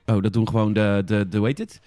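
A man's voice: fairly low pitch, steady tone, fast, dark tone, no room sound, studio quality, faint music behind. A man hosting a gaming podcast in casual chat, teasing and joking with his co-host. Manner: teasing, jokey.

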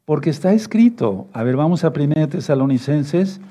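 Guy preaching a sermon, super dark mellow voice, reads verses slow and keeps asking "right?". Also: a little high, lively intonation. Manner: fatherly, repeats "no, no, no" and asks "¿sí?"; reads verses slowly and rereads them. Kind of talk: sermon teaching with scripture reading.

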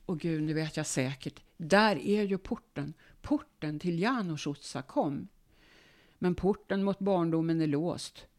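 A woman, a guest author, reading her own memoir aloud in a calm, measured way. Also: fairly low pitch.

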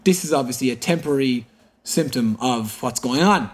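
Interview guest: Irish man, conversational storyteller who quotes dialogue, mid-pitched, faint noise behind. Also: normal speed. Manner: animated, quotes dialogue as he recounts.

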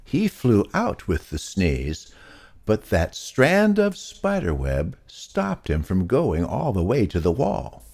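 A man reading a children's story aloud to young listeners in a slow, expressive storyteller manner. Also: vocal fry. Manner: slow, expressive storyteller delivery, swooping pitch.

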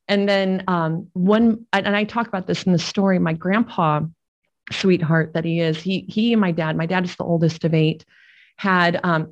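A middle-aged woman speaks as a podcast guest, retelling personal stories in a heartfelt, conversational way. Her voice sits a little low for a woman. The audio is dull and lo-fi. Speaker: real estate agent and podcast guest. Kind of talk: podcast interview storytelling.

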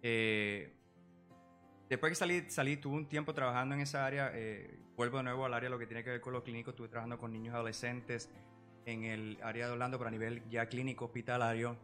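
A Puerto Rican man in his forties, a psychology professional, speaking as a podcast guest in a measured way with many filler pauses. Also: medium pitch, fairly even intonation, a bit bright, faint music behind. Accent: Puerto Rican Spanish. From Puerto Rico. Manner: measured, full of filler "eh" and "¿verdad?" tags. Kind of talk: podcast interview.

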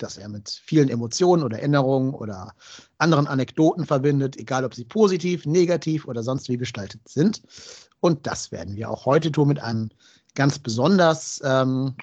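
A man's voice: medium pitch, a little mellow, husky. A man hosting a podcast in a conversational style, introducing and questioning his guest. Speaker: podcast host.

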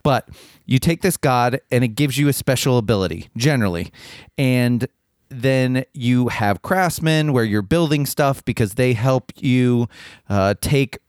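A man co-hosting a casual podcast chat who explains game rules at length in a measured way. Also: mid-range voice, darkish tone, dry recording, clean studio sound. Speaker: podcast co-host.

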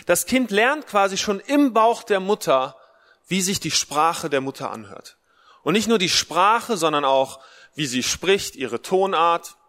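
Man, fairly high voice, casual preacher, unrolled R speech impediment, long hall reverb. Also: very animated, unhurried, a bit bright. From Russian-German family background, Germany. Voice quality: speech impediment, cannot roll the R. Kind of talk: casual livestreamed sermon for Mother's Day.

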